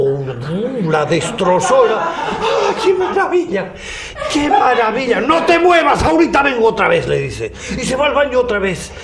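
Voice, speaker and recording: High, lively man telling jokes on radio. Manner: laughs often while telling jokes, acts out voices. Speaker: radio host. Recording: noisy radio broadcast.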